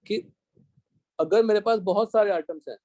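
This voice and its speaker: A man's voice: sits high, dark tone. A young man with an Indian accent teaching a live chemistry class, explaining step by step and often checking whether the class is following. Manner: dictates slowly in English.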